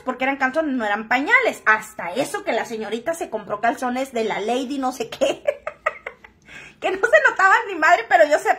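A woman talks straight to camera in a high voice. She tells her story frankly and swears freely. She jokes her way through it. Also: a bit bright. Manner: joking, frank and crude-spoken. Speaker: vlogger.

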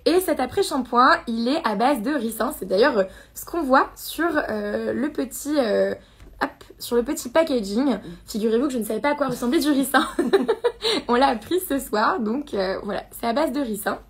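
A woman's voice: sits high, lively intonation, moderate pace, husky. A woman hosting a casual live unboxing stream, chatting and giggling as she reads viewer comments aloud. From France.

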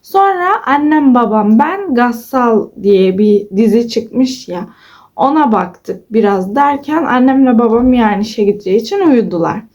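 On the high side and a little mellow, this woman's voice is animated but keeps a measured pace. In her twenties, she chats with followers in a casual vlog, spinning stories and acting out what people said amid giggles.

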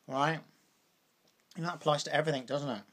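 A man's voice: fairly high pitch, steady tone, brisk, a bit bright. A young British man vlogging over a meal, rambling casually with lots of "like" and "you know". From Britain. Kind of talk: casual chat while eating.

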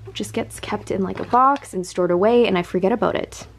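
Chatty woman vlogger with a gravelly edge. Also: mid-range voice, brisk. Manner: chatty, thinks aloud, gushes over finds. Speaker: beauty vlogger. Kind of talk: casual chat while tidying. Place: pink beauty room at home, indoors. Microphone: camera mic, moving around room. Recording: noisy home room recording.

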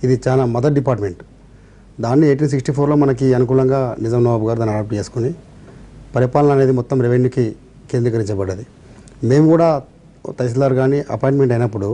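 A man's voice: mid-range voice, mellow. A man with a Telugu accent, a revenue officials' representative on a TV debate, explaining measuredly and citing laws and history.

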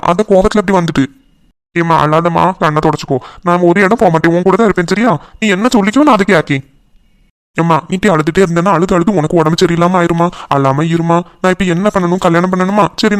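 A man voices a young cartoon son who talks fast to push back against marriage plans, then soothes his mother. The voice is high for a man and rushed. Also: clean tone, natural voice. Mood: soothing. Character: young man home from abroad, reluctant but caring son.

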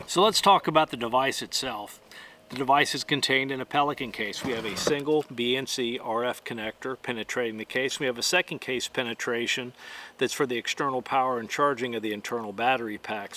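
Presenting radio equipment from a script, a middle-aged man speaks at a medium pitch with a sharp tone, keeping his technical wording measured, formal and precise. A little background noise can be heard.

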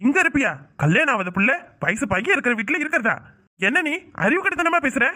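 A woman voicing a soft-hearted village uncle in a cartoon, coaxing and scolding a stubborn niece. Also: high-pitched, sing-song, fast talker, exaggerated voice. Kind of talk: cartoon voice acting.

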